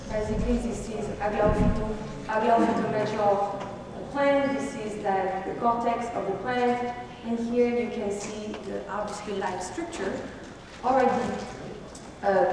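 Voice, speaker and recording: A woman's voice: medium pitch, noisy background. Woman, French accent, non-native English, academic presentation, hesitant with fillers, distant mic, echoey hall. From France. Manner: hesitant, many fillers and restarts, explaining slides. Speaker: university researcher giving a talk. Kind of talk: conference presentation. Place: conference hall.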